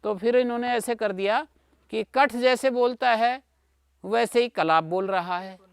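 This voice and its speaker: A man's voice: extremely high pitch, unhurried, clear, resonant tone, no echo. A man teaching Sanskrit grammar in an online class, patiently explaining and checking in with his students. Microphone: video call.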